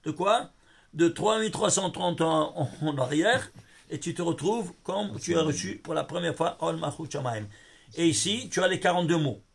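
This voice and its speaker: A rabbi giving a lively lesson, exclaiming over numbers and speaking straight to his listeners. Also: fairly high pitch, normal speed, gravelly, slightly rough. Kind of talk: Torah lesson on gematria.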